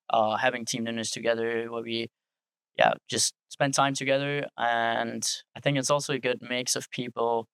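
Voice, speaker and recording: A young college athlete speaks in a relaxed, conversational way. His voice has a gravelly edge yet stays smooth, with a flat, even delivery. The sound is close and dry. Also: mid-range voice, no room sound, poor audio. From Germany. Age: young adult. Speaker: college soccer player. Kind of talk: casual interview answers.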